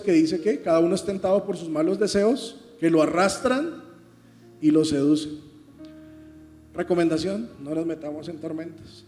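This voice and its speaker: Preacher. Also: male voice, high voice. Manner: conversational teaching, rhetorical questions to the congregation. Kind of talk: sermon. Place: church hall. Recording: long reverb with soft guitar music.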